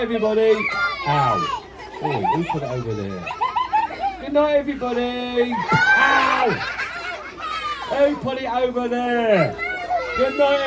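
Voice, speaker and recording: A man with an English accent voicing an excitable, teasing clown puppet in an interactive children's show, exclaiming in pantomime style. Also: extremely high pitch, takes it slowly, pauses often, exaggerated voice. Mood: playful, exclamatory. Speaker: Punch and Judy puppeteer. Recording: noisy outdoor recording with loud crowd.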